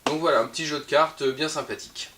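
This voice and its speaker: Quick and fairly even in intonation, a man's higher-pitched voice, carrying a French accent, runs through the week's new board games in a shop video against background noise. His casual weekly product roundup is chatty and upbeat, full of hesitations.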